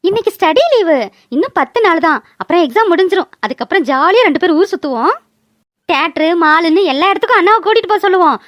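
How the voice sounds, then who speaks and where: A chatty, teasing young college girl, played by a woman in a cartoon. She talks fast in a very high voice. The sound is dry. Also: animated, fairly bright tone, no echo, lo-fi sound. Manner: playful, chatty. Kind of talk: cartoon voice acting.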